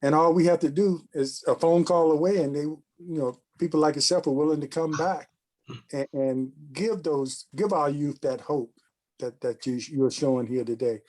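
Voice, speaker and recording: A man hosting a casual talk show, giving measured, thoughtful commentary in long musing runs. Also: on the high side, steady tone, a little mellow.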